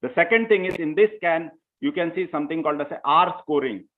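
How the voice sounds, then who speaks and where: A man's voice: fairly high pitch, fast. A man, a surgeon giving a conference lecture in a methodical, step-by-step way, often saying "you know" as he goes. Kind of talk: medical lecture. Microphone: remote call line. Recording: tinny phone-like call audio.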